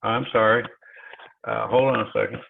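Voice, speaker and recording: A man moderating an online session, talking haltingly with many fillers over a crackly phone-like line that fades in and out. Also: mid-range voice, little pitch movement, creaky. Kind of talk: presenting talk on a virtual call. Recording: tinny phone-like call audio.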